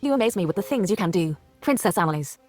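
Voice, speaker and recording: A cheerful elderly male advisor in a text adventure, speaking plainly and briskly, as a woman reads his lines. Faint music underneath. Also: medium pitch, lively intonation, darkish tone, natural voice.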